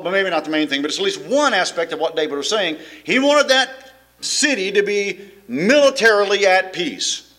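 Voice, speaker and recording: Pastor, middle-aged man, folksy and rambling, bright animated voice, fairly high. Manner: folksy, rambling with frequent restarts and chuckles. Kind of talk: sermon.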